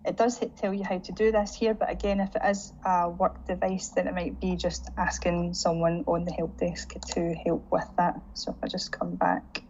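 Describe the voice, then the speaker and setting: A woman trainer talking teachers through a software tutorial while sharing her screen, chatty and full of "again" and "um". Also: mid-range voice. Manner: chatty, leans on "again" and "um" as she demonstrates. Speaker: digital learning trainer. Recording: dull lo-fi audio with faint hiss.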